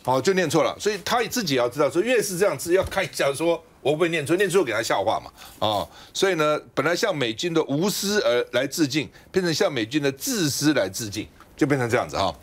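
A man's voice: fairly high pitch, big pitch swings, quick pace, few pauses. A man hosting a political talk show, chatty and explanatory, often tagging his sentences with a casual particle. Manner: chatty, explanatory, ends phrases with a tag particle. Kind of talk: political commentary chat.

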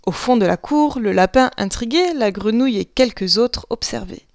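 A woman reading a children's picture book aloud in a lively, expressive storytelling voice, sometimes dropping to a whisper. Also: fairly high pitch, normal speed, no echo, clean studio sound.

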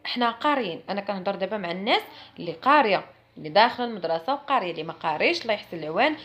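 A woman's voice: medium pitch, lively intonation, very fast, a bit bright. A young woman with a Moroccan Arabic accent giving a chatty, emphatic French lesson to camera. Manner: chatty and emphatic, mimics others mockingly. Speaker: French teacher.

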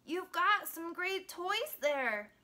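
A woman voicing a kind, gentle male wiener dog in a read-aloud picture book, speaking slowly and pleadingly. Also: very high-pitched, big pitch swings, pitched above the performer's own voice, heavily acted.

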